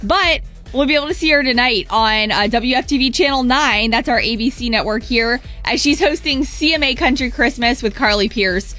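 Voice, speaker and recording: A woman's voice: a little high, moderate pace, hardly any pauses, bright, forceful tone, faint music behind. An American woman co-hosting a radio morning show, chatting and reading promos. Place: radio studio.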